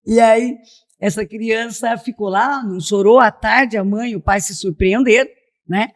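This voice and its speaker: This middle-aged missionary from Piracicaba, São Paulo state, Brazil, has a voice on the high side with fairly even intonation and a slightly slow pace. As a podcast guest she tells her own story in a relaxed interview, often adding "né?" to check in.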